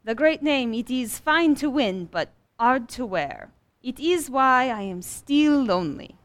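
French-accented lady milliner acted by a woman, highish voice, lilting, gracious, theatrical, old-time radio comedy. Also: animated, measured pace. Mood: proud, wistful. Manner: ornate phrasing with French words.

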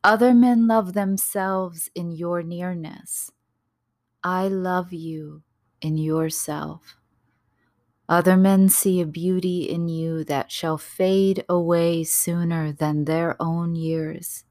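A woman reading the lines of a gentle male prophet, speaking softly, low and slowly. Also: fairly even intonation, no echo, studio quality. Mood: tender. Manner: soft, low and slow.

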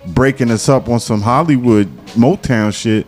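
A man's voice: medium pitch, moderate pace, darkish tone, soft background music. Teasing man co-hosting a chat. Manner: teasing, banters with the guest. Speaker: co-host. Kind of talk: casual podcast banter.

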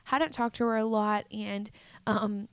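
A woman's voice: medium pitch, fairly even intonation, unhurried, smooth, no echo. A young adult woman telling a personal story to her viewers in an earnest, confessional way, full of "like" and "um". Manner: earnest, confessional, many fillers like "like". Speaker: vlogger.

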